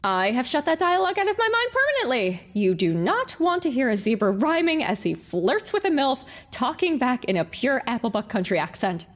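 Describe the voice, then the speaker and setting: A woman's voice: high voice, sing-song, a little fast, few pauses. A woman reading an audiobook, voicing a young heroine mare whose inner thoughts ramble and mock herself. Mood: flustered. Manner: rambling, self-mocking inner monologue. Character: young heroine mare, wandering wasteland survivor. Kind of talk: audiobook character voice.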